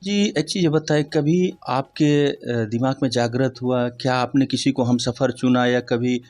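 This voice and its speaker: A man interviewing a guest, asking polite questions in a somewhat halting way. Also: mid-range voice, fairly even intonation, a little mellow. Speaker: interviewer, local reporter.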